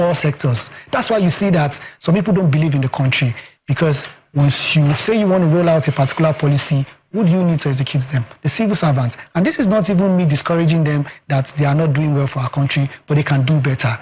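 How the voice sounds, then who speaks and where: A Nigerian man with a Yoruba accent speaks fast in a fairly high, darkish voice, with slight background noise. He's a communications expert appearing as a guest in a TV studio interview, emphatic and rhetorical, often reaching for "guess what" and "you understand."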